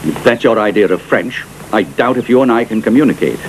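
A man's voice: on the low side, brisk, background noise, close to an everyday voice. An actor playing a haughty, scornful rich aristocratic father in a dubbed film, speaking in a pompous, sneering manner. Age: middle-aged. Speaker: wealthy father.

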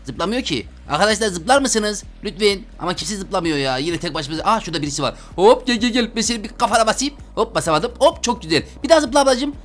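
A young man hosting a game video, commentating his play, chatty and slangy with sudden loud exclamations. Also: sits high, quick pace, few pauses. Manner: excitable, loud outbursts and frequent exclamations; talks to viewers as friends, slangy. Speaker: gaming video host. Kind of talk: Roblox gameplay commentary.

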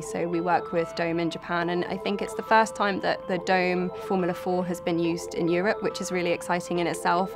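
Low, flat-toned woman co-founder. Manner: earnest, fluent, with brief restarts. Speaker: championship co-founder and director. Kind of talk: documentary interview. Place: dark studio set. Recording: music bed under voice. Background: music bed.

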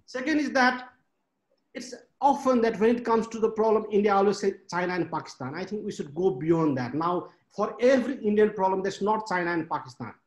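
A man's voice: sits high, a little fast. A man in his thirties from Nepal, a panelist speaking frankly and emphatically on a webinar video call, counting off his points. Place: home study with bookshelves. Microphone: laptop webcam on a video call. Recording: echoey room on a video call.

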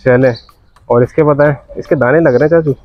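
At an outdoor cattle pen, a male vlogger touring a cattle market walks around chatting casually and haggling over prices with a seller. His voice is on the high side with fairly even intonation, and he talks fairly quickly; the recording's highs are cut off.

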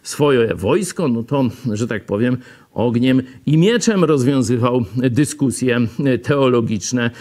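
Lively older man teaching in a TV studio. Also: mid-range voice. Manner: animated, gesturing with both hands. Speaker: pastor. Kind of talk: televised Bible teaching. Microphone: lapel mic.

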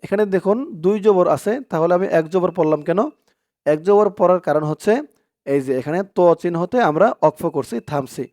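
A man teaching Quran reading. He chants each Arabic word slowly and loudly, then explains the pronunciation rules in quick, soft speech. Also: sits high, no echo, studio quality. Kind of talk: Quran reading lesson, recitation with Bengali explanation.

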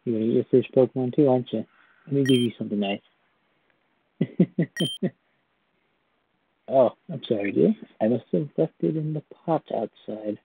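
A man's voice: mid-range voice, moderate pace, gravelly, pauses often, phone-quality sound, a little hiss or hum, lightly acted. Kindly old grandmother, as a man reads her lines. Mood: gentle. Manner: reading in-game text aloud. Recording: loud game music behind.

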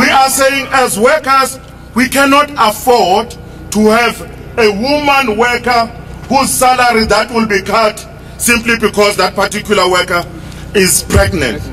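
A middle-aged South African man giving a forceful, roaring rallying speech as a union leader, with emphatic repetition. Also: extremely high pitch. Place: outdoors in a street crowd outside a building. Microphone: handheld microphone, filmed from some metres away. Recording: distant outdoor PA, crowd and vehicle noise.

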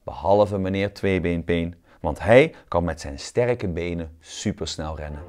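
A man narrating a children's picture book in a read-aloud style. His voice sits a little low, and he tells the story calmly and clearly for young listeners. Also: a little slow.

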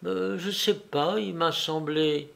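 A man voicing a soft, faltering young woman. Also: a little high, slow pace, creaky, pitched above the performer's own voice, full character voice. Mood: hesitant. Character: young rich woman, frightened and in pain.

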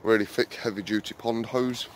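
In a rambling walk-and-talk vlog, a low-voiced man tours his outdoor allotment and then a small garden shed, a faint outdoor hum behind him. His tone stays steady at a normal speed as he chats away, heavy on fillers and forever saying guys to his viewers.

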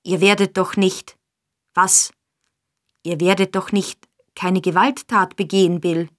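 A woman voicing a frantic, furious old male fence in an audiobook, with shrill, pleading shouts. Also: steady tone, unhurried, no echo, studio quality, natural voice.

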